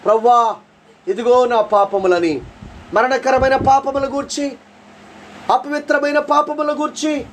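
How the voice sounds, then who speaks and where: This man preaches his own testimony in an extremely high pitch, the audio carrying a faint hiss or hum. His storytelling is dramatic, full of repeated phrases and pleading, earnest prayer.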